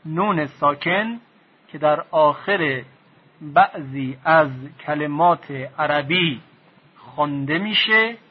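Male recitation teacher, husky and a little high, patient repetitive lesson delivery on a dull lo-fi tape. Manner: slow, repeats definitions, drills sounds aloud. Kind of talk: recorded lesson.

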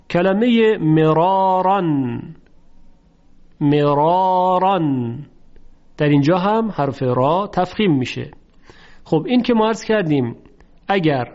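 A man teaching a lesson on Quran recitation, slowly drawing out example words to demonstrate pronunciation. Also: a little high, a little mellow. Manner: slow, drawn-out demonstration of words. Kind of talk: lesson on tajweed. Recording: dull lo-fi recording.

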